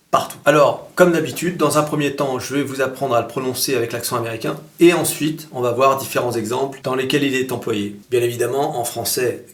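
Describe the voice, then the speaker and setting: A man giving a casual spoken lesson, drilling words slowly by repeating them, and swearing casually when he stumbles. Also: medium pitch, distant mic. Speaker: English teacher. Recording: roomy, voice a bit off-mic.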